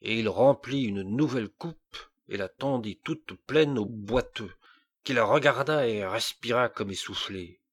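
A man reading a classic tale aloud as audiobook narration, measured and deliberate. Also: medium pitch, breathy edge. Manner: slow, measured storytelling. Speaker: audiobook reader.

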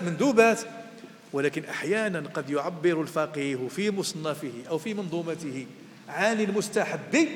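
A man with a Moroccan accent lectures to students, his voice pitched high for a man. He explains step by step, repeats key phrases and recites verse. The sound carries a long echo from the lecture hall. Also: a bit bright. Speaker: Islamic jurisprudence lecturer. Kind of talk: classroom lecture.

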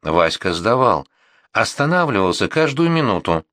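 Low-voiced expressive male narrator. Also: moderate pace, dry recording, clean studio sound. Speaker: audiobook narrator. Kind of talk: scripted narration of a war memoir.

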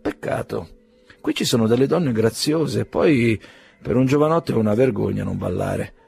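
A man's voice: mid-range voice, normal speed, creaky, a little mellow, husky, full character voice. A man voicing a self-satisfied official in his forties, genial and condescending, in an audiobook reading. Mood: patronizing. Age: 40s. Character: self-satisfied middle-aged male official, patronizing.

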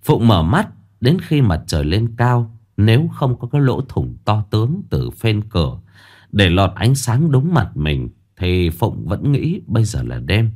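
A man narrating a ghost story in an expressive storytelling manner. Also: lowish voice.

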